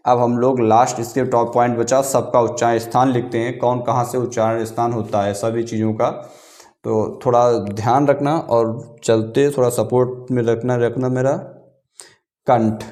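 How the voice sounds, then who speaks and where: A man teaching an exam-prep grammar lesson, repeating key terms slowly and answering his own questions. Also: mid-range voice, little pitch movement, darkish tone. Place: room, writing on paper.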